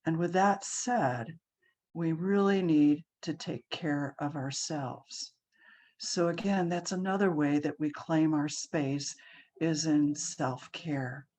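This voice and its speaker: A woman leading a guided relaxation class, speaking softly and soothingly with frequent ums. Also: sits low, takes it slowly. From Hawaii. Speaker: meditation guide.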